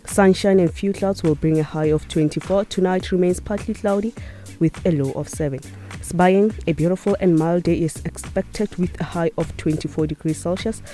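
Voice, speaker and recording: A woman's voice: on the low side, warm tone. A South African woman presenting a scripted weather update on morning radio from a studio.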